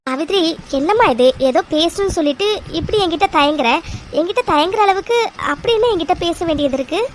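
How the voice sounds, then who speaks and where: A woman voicing a kindly cartoon grandmother, high voice. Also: expressive, fairly quick, slight background noise. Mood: puzzled. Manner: soothing, coaxing, ends lines with questions. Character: kindly elderly grandmother, warm and reassuring. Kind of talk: cartoon voice acting.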